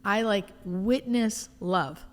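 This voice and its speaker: Expressive woman in an echoey room. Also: medium pitch, takes it slowly. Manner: informal, expressive, often quoting imagined dialogue. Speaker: hospice nurse being interviewed. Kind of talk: candid conversational storytelling.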